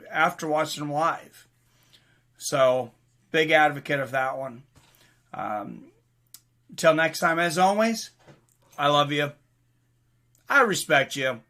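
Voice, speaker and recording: A man with a bright, forceful voice pitched a little high hosts a relaxed online show. He rambles easily through his thoughts and sign-offs. The delivery is loose and conversational. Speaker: host. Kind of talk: casual chat.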